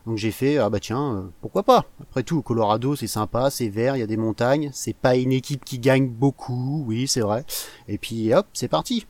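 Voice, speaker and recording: A man guesting on a podcast, telling his story in a relaxed, self-mocking way. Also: mid-range voice, normal speed, no room sound. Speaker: podcast guest, baseball community manager. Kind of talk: casual chat.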